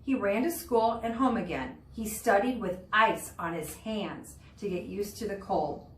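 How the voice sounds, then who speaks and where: Picked up by a distant mic in a roomy space with background noise, a woman teacher with a mid-range, animated voice reads a children's nonfiction book to her class. Her reading is explanatory, and she stops to explain words and illustrations.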